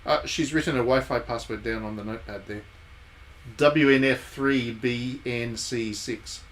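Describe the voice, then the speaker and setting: A man, a streamer and ex-journalist, offers casual live game commentary, with wry, playful remarks and occasional reading of on-screen text. His mid-range voice keeps fairly even intonation and a measured pace, and is a bit bright. Background noise is clearly audible.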